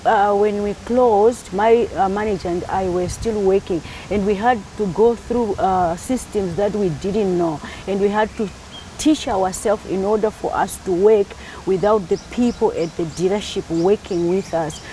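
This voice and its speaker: A woman's voice: medium pitch, normal speed, mellow, slight background noise, rough recording. A middle-aged woman from Malawi, talking in a casual interview and laughing easily.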